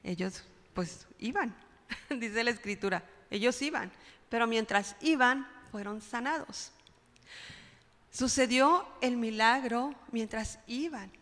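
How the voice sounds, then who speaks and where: A woman's voice: fairly high pitch, slow pace, a bit bright. A woman preaching a sermon in church, with dramatic cries when she quotes pleas and many rhetorical questions. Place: church sanctuary. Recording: long hall reverb.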